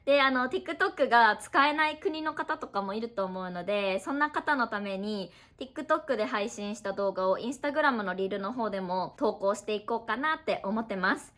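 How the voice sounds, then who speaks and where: A young woman from Japan talks to her learners in a relaxed, chatty podcast style. Her voice sits a little high, and she explains things slowly and kindly, with plenty of examples. She is recording indoors at her family home. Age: 20s. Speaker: online Japanese teacher. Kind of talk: casual podcast talk to learners.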